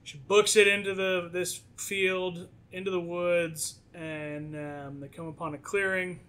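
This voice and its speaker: Animated man retelling a film plot. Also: sits high, measured pace, smooth. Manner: animated retelling, acting out characters' lines. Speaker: podcast co-host. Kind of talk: casual film recap chat.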